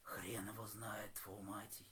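A woman voicing an excitable male philosopher with a shrill, shouting delivery. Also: a little fast, slightly rough, full character voice. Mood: whispered awe. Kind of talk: audio drama acting.

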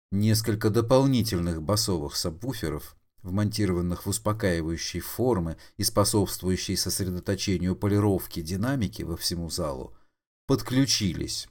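A man narrating an audio drama in an expressive, theatrical way. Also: low-pitched.

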